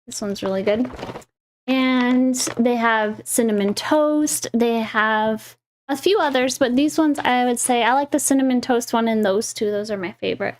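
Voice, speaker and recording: A young woman hosting a casual livestream, talking in a meandering way with restarts and eager enthusiasm about the food she shows. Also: fairly high pitch. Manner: slow, meandering, restarts mid-phrase. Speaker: lifestyle host.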